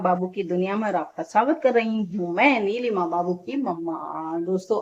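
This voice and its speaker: A woman's voice: medium pitch, darkish tone, dull audio. A woman, a mother, talking casually to her viewers from her home and calling them friends. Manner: chatty, keeps addressing viewers as friends. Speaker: vlogger, mother.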